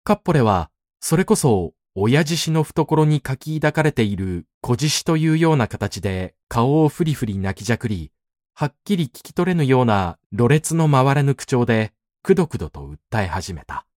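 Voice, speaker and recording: Expressive male storyteller, dry close sound. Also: mid-range voice, moderate pace, no room sound. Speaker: narrator. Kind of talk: scripted narration of a classic novel.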